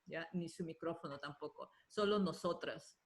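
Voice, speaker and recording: A woman with a deep, fairly quick voice leads an online meeting and moderates a panel. She sorts things out as she goes and switches between two languages, captured by a computer mic during a video call.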